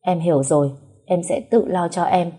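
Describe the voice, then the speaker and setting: A woman's voice: fairly low pitch, moderate pace, mellow, husky. A woman voicing a naive, stubborn young woman who insists on her point. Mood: insistent.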